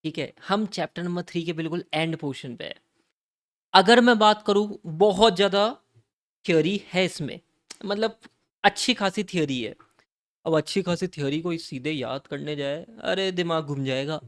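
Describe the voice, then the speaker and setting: A man teaching auditing in an exam-prep lecture. He asks his own questions and answers them, and draws key terms out slowly. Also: a little high, no room sound, studio quality. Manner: calls students "beta" and "bhai", coaxing and playful.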